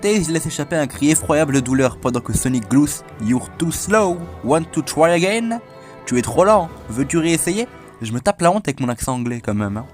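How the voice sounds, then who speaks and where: A man's voice: mid-range voice, expressive, brisk, darkish tone, faint music behind. A man hosting a video, casually recounting an internet horror legend in a chatty, joking way and talking straight to his viewers. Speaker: host.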